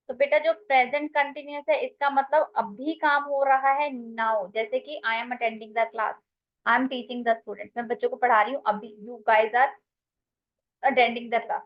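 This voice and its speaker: Speaking in a high pitch, a woman with an Indian English accent leads an online English grammar class. She blends Hindi into her English and calls her students "beta," and the recording has its highs cut off.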